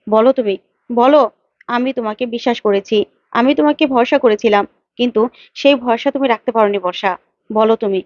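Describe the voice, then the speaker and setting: A woman reading the part of a furious young husband, pressing his wife with repeated demands. The voice sits high. The sound is dull and dry, like a cheap home recording. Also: brisk, long pauses, darkish tone, no room sound, lightly acted. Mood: angry. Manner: heated, accusing, insistent repeats.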